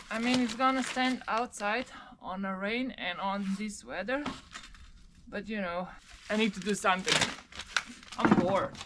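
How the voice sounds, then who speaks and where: A woman's voice: medium pitch, noisy background. A Slovenian woman, a native Slovene speaker, chattily talking herself through her chores in casual English self-narration, with frequent exclamations. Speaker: vlogger narrating her own home projects.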